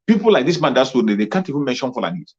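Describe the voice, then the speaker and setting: A man's voice: medium pitch, big pitch swings, racing, darkish tone, husky. A man gives an impassioned political monologue, rallying and repeating himself for emphasis. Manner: fervent, repetitive, rallying tone. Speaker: political commentator. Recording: muffled lo-fi recording.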